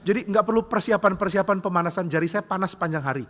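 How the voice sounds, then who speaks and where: A pastor putting on a sulky young pianist. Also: male voice, high-pitched, fast talker, fairly bright tone, voice pushed up. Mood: defensive. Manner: defensive, whiny. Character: sulky self-confident young church pianist. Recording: reverberant church hall.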